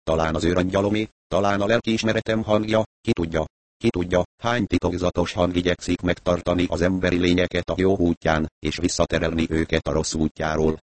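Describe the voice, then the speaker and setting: A man narrating a first-person story in a steady storytelling manner. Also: low-pitched, no room sound. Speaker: reader.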